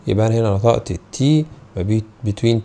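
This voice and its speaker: A man's voice: lowish voice, little pitch movement, vocal fry, mellow. A man with an Egyptian Arabic accent teaching an English phonetics lesson, stretching out model words and repeating each one several times. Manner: slow, drawn-out model pronunciations of English sounds. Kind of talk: online video lesson.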